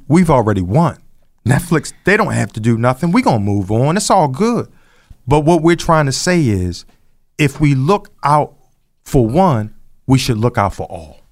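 A man giving a heartfelt, emotional speech about his family, crying with joy as he speaks. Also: medium pitch. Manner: earnest, builds from soft to impassioned. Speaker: husband speaking on a panel.

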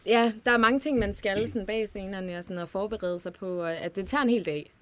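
A woman's voice: medium pitch, fairly bright tone. A woman guest, a former dating show contestant, chatting casually with many fillers. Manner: chatty, lots of fillers and laughs. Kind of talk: casual chat.

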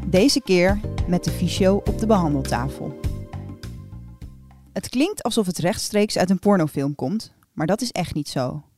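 A woman's voice: lowish voice, animated, measured pace, a little mellow, faint music behind. Woman reading a confiding erotic story. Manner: intimate, confiding first-person storytelling.

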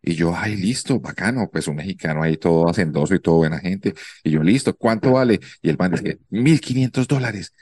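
A man's voice: deep voice, a little fast, few pauses, dry recording. A Colombian man hosting a radio show, telling a comic anecdote in casual chat and acting out the voices in it. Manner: animated, acts out voices in anecdotes. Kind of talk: casual comedic storytelling. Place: outdoors in the street.

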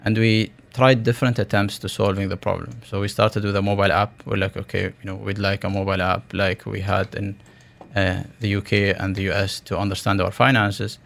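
Low, even-toned male startup founder, creaky voice. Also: fairly quick, few pauses. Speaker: startup co-founder, interview guest. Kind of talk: radio interview.

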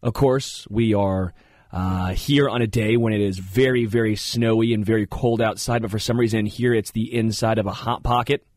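A man hosting a radio show from a studio, telling stories in a casual, animated way. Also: on the low side, normal speed, no room sound. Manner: animated storytelling, puts on voices. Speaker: radio host. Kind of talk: casual sports radio chat. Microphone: studio mic.

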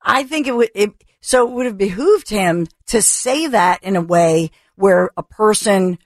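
A woman's voice: medium pitch, lively intonation, measured pace, dry recording, studio quality. A woman co-hosting a talk radio show, arguing her point firmly and restarting her sentences as she goes. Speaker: radio co-host. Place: radio studio.

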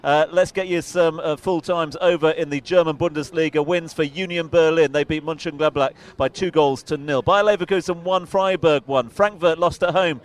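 Male radio sports presenter, results reading, brisk, slightly high voice. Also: steady tone. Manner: brisk, with frequent uh fillers.

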